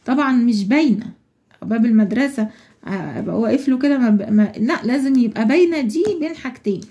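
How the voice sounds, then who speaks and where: A primary school teacher with an Egyptian Arabic accent explains a schoolbook lesson to young children patiently and step by step, asking questions and answering them herself. Her voice is warm and on the high side, with lively intonation and a quick pace.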